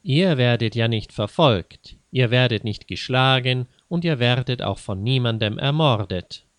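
A man's voice: medium pitch, lively intonation, measured pace, no echo, lightly acted. A man voicing a timid, easily offended young man in a read-aloud story. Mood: indignant. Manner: fearful, indignant.

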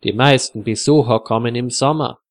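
A man's voice: mid-range voice, moderate pace, no room sound, studio quality, natural voice. A man doing an easygoing older husband. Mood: friendly. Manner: friendly, relaxed.

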